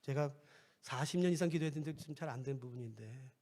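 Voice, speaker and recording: A middle-aged male pastor preaching a sermon in an animated, playful way, acting out little scenes. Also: medium pitch, fast. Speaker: guest pastor. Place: church sanctuary.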